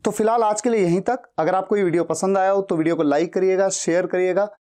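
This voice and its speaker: A man's voice: sits high, fairly even intonation, fast talker, dark tone. A man teaching a spoken English lesson who explains step by step and repeats example sentences.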